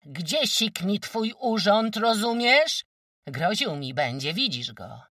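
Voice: lively intonation, takes it slowly, sharp tone, dry recording, studio quality, far from the mic, heavily acted. A reader voicing a mocking, foul-mouthed peasant woman who jeers and shrieks at her neighbors in an audiobook. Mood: shrieking anger. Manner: jeering, shrill, mocking. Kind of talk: audiobook character reading.

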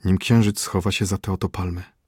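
A sorrowful elderly court physician murmurs his grim verdicts, as a man reads him. The voice is low and husky, close and dry, as in an audiobook. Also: fairly even intonation, brisk, dry recording. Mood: grave. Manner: hushed, half-whispered. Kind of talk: audiobook character voice.

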